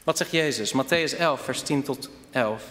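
A male preacher giving an animated sermon, questioning his congregation directly. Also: medium pitch, normal speed. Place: church hall. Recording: reverberant church hall.

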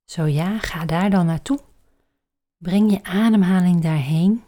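Female relaxation guide. Very unhurried, mellow, soft-spoken, often sinking into a breathy near-whisper. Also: on the low side.

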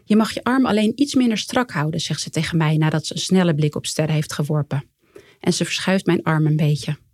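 A woman reading her own memoir aloud in a calm, measured way, quietly voicing the lines of the people in it. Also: lowish voice, no echo, studio quality. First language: Dutch. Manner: calm, measured storytelling with quiet quoted dialogue. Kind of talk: first-person memoir reading.

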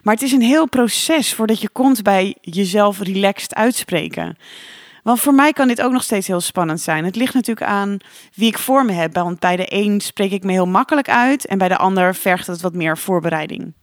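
A woman hosting a solo podcast as a coach, talking in a calm, reflective and encouraging way with the odd filler sound. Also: medium pitch, normal speed, no echo, studio quality.

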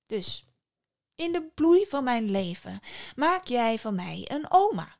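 A woman voicing a haughty, sharp-tongued goddess, mocking and slow in her emphasis, in a storybook reading. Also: fairly high pitch, big pitch swings, gravelly, voice pushed up, heavily acted.

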